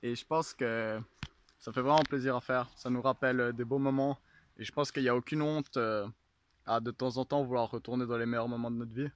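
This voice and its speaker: A man speaks in a medium-pitched voice as an instructor. He guides listeners through meditation and exercises in an informal teaching style. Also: steady tone, a little fast.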